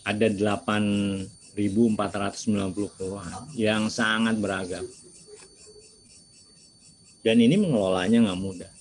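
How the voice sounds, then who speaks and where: Low-voiced man lecturing over crickets. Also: steady tone, moderate pace, long pauses, a little hiss or hum, poor audio. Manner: rhetorical questions, answered himself. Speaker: seminar speaker. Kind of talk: lecture to students.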